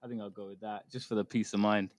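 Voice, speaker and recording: A man's voice: on the low side, flat delivery, fast talker, no room sound. A man co-hosting a casual podcast, from the UK, talking in a rambling, hedging way full of fillers. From United Kingdom. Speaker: podcast co-host. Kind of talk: casual chat.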